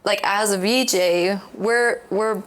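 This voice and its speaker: A woman guest on a podcast, a little hoarse, talking in a rambling, animated way with lots of restarts and fillers. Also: mid-range voice, slow pace, rough recording. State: hoarse, losing her voice. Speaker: podcast guest, visual artist. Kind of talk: casual conversational interview.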